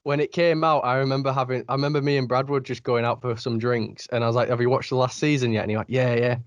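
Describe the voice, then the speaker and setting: A man from the north of England with a northern English accent, hosting a podcast and telling animated stories with frequent laughs. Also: mid-range voice, quick pace, no echo, highs cut off. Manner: animated storyteller, laughs often. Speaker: podcast host. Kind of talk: casual chat. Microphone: video call.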